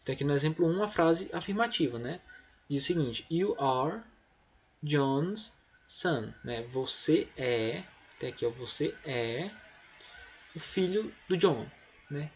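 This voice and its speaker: A man with a Brazilian Portuguese accent walks his pupils through English grammar patiently and step by step. His voice is a little husky. The recording sounds dull and lo-fi, as if made on a computer mic. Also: on the high side, lively intonation, a little slow. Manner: patient, explains step by step, often adds "tá?" and "né?". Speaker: English teacher. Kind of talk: recorded remote lesson.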